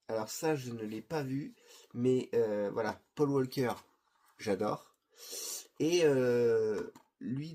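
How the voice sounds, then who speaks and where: A man's voice: medium pitch, dark tone. A middle-aged man presenting his film collection in a casual chat, hesitant and full of fillers and restarts. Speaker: video host presenting his Blu-ray collection.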